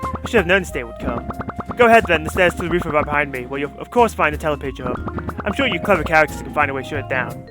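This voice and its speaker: A man reading game dialogue as a smug female CEO villain, slow, theatrical and condescending in a menacing monologue. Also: fairly high pitch, expressive, music in the background, lightly acted.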